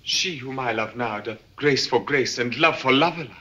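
An actor playing an ardent young lover. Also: male voice, medium pitch, moderate pace, bright, forceful tone, close to an everyday voice. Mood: pleading. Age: young adult. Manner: pleading, earnest. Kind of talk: 1950s film acting.

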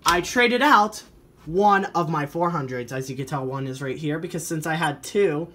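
Filming his weather radio collection at home, a hobby vlogger talks from behind the lens of a handheld camera or phone, his slightly high voice a bit bright. His show-and-tell is casual and halting, as if thinking aloud in the indoor room. It's a noisy amateur recording.

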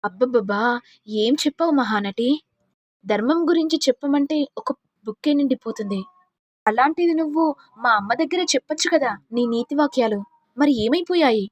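A woman's voice: high-pitched, animated, normal speed, dry recording. A woman voicing an angry young husband who scolds sarcastically.

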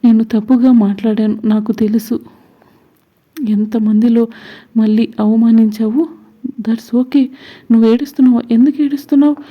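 A woman's voice: on the high side, fairly even intonation, moderate pace, pauses often, muffled recording, close to an everyday voice. A woman voicing a cold young man who scolds with repeated questions. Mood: curt scolding.

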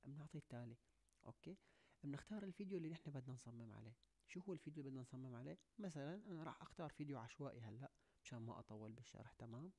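A young man giving a video editing tutorial, talking quickly and constantly checking that the listener is following. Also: mid-range voice, animated, mellow. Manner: rapid, keeps checking in. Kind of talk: screen-recorded tutorial.

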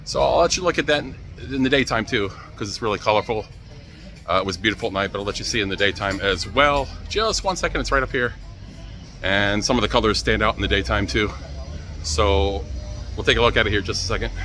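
A man's voice: lowish voice, a little fast, sharp tone, faint music behind. A man vlogging as he walks through city streets, talking to his viewers in an easygoing, chatty way. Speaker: travel vlogger. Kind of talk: casual walking-tour narration. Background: faint street and traffic noise.

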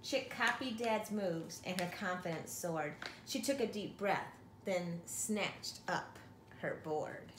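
A middle-aged woman with a fairly low voice reads a picture book aloud to young children at a measured pace, expressive like a teacher and asking them questions. She's indoors in a home living room, picked up by a camera or phone a short way off. The recording sounds roomy, with faint background noise.

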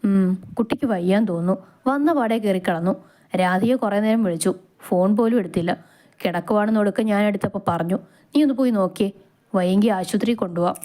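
A woman's voice: medium pitch, fast, dark tone, lightly acted. A woman voicing a worried older mother who speaks plainly.

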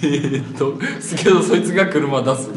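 A man's voice: fairly high pitch, normal speed, a little hiss or hum. A man in his twenties trading jokes with friends in a casual game, breaking easily into laughter. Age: 20s. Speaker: member of a video group. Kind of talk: casual group banter game. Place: concrete tunnel at night. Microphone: camera a few steps away. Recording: echoey tunnel, loud music.

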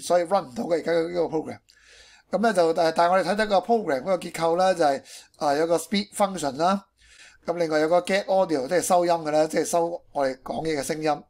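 A man's voice: on the high side, darkish tone. A man with a Hong Kong accent presenting an informal programming tutorial, mixing in English technical terms. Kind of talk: informal screencast tutorial explanation.

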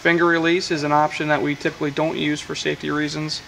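A man's voice: a little high, flat delivery, fast talker, gravelly, pushed and bright, a little hiss or hum, low-quality recording. A man, a welding equipment technician, walking through a machine's control panel in a matter-of-fact way, with frequent fillers, recorded in a workshop on a camera mic. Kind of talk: hands-on equipment demonstration.

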